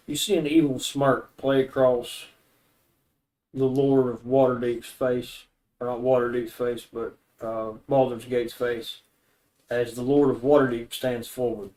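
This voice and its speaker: Halting male game master. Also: mid-range voice, flat delivery, darkish tone, rough recording. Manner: halting, self-correcting. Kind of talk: improvised tabletop game narration.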